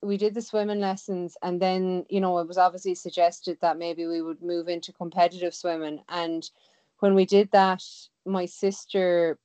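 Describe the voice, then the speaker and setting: A woman's voice: fairly low pitch, level tone, normal speed, warm tone, clear, resonant tone, no echo. A woman in her thirties with a west of Ireland accent, chatting casually and informally in a slightly dull recording. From Galway, west of Ireland. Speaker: interview guest, sea swimmer. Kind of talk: casual chat.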